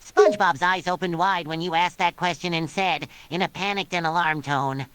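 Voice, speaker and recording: A text-to-speech woman's voice narrating a chatbot story in a flat, even read. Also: on the low side, moderate pace, clean tone, no room sound, rough recording. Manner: flat, even machine reading. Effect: synthetic text-to-speech voice.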